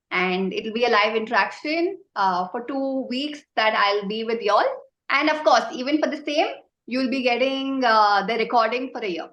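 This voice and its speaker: Indian woman teaching, high echoey voice. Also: fairly bright tone. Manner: informal, chatty explaining, often addressing the group. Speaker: baking instructor. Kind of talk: live online class, answering questions. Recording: roomy, echoing sound.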